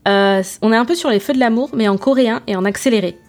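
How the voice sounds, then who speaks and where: A woman's voice: fairly high pitch, fast. A woman hosting a casual solo podcast, speaking in informal, slangy language with self-deprecating asides and searching hesitations. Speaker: podcast host.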